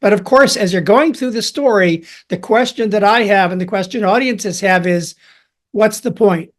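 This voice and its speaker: A man from Chicago hosting a podcast interview, talking in an enthusiastic, reflective way with thoughtful pauses. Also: high voice. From Chicago, USA. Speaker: podcast host. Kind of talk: conversational interview.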